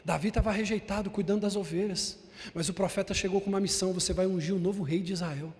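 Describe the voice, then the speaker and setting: A man with a high-pitched voice preaching a sermon in a church, hammering his lines through emphatic repetition. His voice rings out with the long reverb of a big hall, and he keeps turning to the congregation as brother. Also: steady tone, quick pace, darkish tone. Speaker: bishop preaching.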